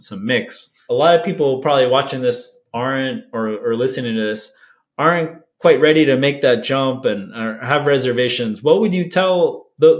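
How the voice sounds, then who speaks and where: A man hosting a conversational business interview, halting and rephrasing as he builds his questions. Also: medium pitch. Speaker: interview host.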